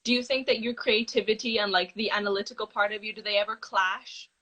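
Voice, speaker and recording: A teenage girl hosting an interview over a video call, eager and gushing, quick to react to her guest. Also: medium pitch, fairly even intonation, sharp tone, rough recording. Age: teens. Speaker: host, interviewer.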